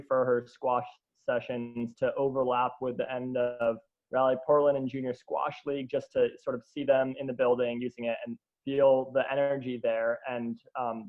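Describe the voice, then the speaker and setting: A man giving reflective remarks at a community meeting, speaking in an even, measured way. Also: mid-range voice. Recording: tinny phone-like sound.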